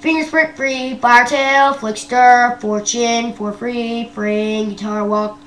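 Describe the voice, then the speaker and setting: Young woman from Canada, casual vlogger, high voice, unhurried, filler-heavy, echoey room. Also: steady tone, a bit bright. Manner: hesitant, many ums and wells. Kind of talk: casual screen-tour vlog. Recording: roomy echo with faint hum.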